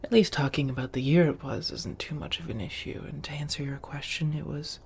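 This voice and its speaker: A woman voices a centuries-old vampire who shares her home, genteel and affectionate, in soft-spoken ASMR roleplay. She speaks in a low-pitched, husky, breathy voice with a steady tone and measured, old-fashioned phrasing, heavily acted, in a reflective, genteel mood.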